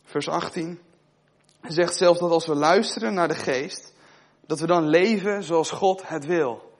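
A man's voice: fairly high pitch, a little slow. A young man giving a sermon in a conversational way, asking his listeners questions and telling a personal story. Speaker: preacher.

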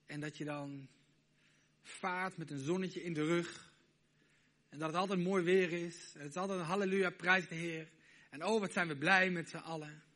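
A man preaching a sermon, moving between hushed, intimate questions to the listener and loud, emphatic declarations. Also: fairly high pitch, fairly even intonation, moderate pace.

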